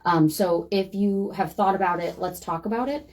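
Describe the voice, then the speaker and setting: A woman's voice: medium pitch, moderate pace, a little mellow. A woman with an American accent co-hosting a show, speaking casually to viewers as a real estate agent. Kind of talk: casual market update to camera.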